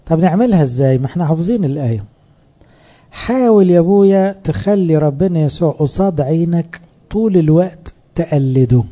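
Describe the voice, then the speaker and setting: A man with an Egyptian accent preaches to a room of fellow priests in a relaxed, conversational way, often stopping to pose questions and answer them himself. His voice is very dark and mellow and sits a little high. The recording is somewhat dull and lo-fi. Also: a little fast. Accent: Egyptian Arabic. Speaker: priest teaching other priests. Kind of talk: sermon.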